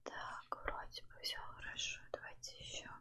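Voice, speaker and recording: A woman playing a calm, attentive doctor in a whispered role-play, breathily instructing the listener as her patient without hurry. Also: moderate pace. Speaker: ASMR performer playing a doctor.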